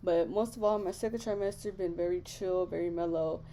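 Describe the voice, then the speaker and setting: A woman's voice: lowish voice, fairly even intonation, a little fast, warm tone, slight background noise. A young woman, chatting candidly to her viewers in a casual vlog, full of fillers. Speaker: vlogger. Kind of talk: casual chat.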